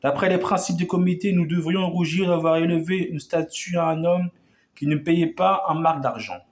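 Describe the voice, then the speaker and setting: A man's voice: a little high, normal speed. A man declaiming a historic revolutionary speech in an oratorical manner, often stumbling and restarting his words.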